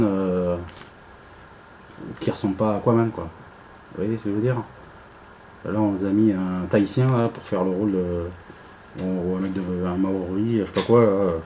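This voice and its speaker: A man with a lowish, warm and dark voice talks his way through an unboxing in a loose, casual vlog style. He rambles and hesitates, trailing off into fillers. Faint noise sits behind his voice. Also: poor audio. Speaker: unboxing vlogger.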